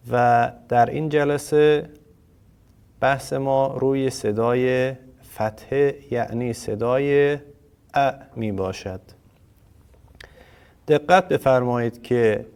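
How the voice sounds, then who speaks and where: A man teaching Quran reading in a formal recorded lesson, addressing learners politely and sounding out letters and short words slowly for them to repeat. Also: medium pitch, darkish tone, clean tone.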